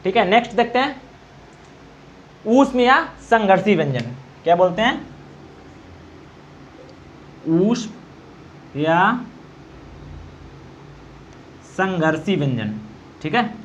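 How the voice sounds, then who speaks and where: A male teacher giving an exam-prep grammar lesson, quizzing students, repeating answers and slowly demonstrating sounds. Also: sits high, big pitch swings, slight background noise. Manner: quizzing, repeats answers, asks "okay?" often. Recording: dull lo-fi recording.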